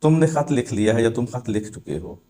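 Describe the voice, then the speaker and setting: A man teaching English grammar in a step-by-step lesson. He repeats his points, asks and answers his own questions, and reads English rules out slowly. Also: mid-range voice, expressive, mellow. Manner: reads English rules slowly, then explains them in Urdu. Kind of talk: classroom-style grammar lesson.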